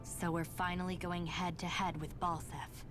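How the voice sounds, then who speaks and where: A woman's voice: fairly low pitch, flat delivery, moderate pace, natural voice. An actress playing a perky, teasing young rebel woman in a video game dub. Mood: determined. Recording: game music over the voice.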